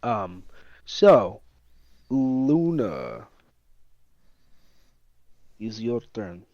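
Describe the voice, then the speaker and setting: A man's voice: fairly low pitch, very animated, very slow, a little mellow, no echo, muffled recording. A man speaking casually as game master, narrating a tabletop game to players.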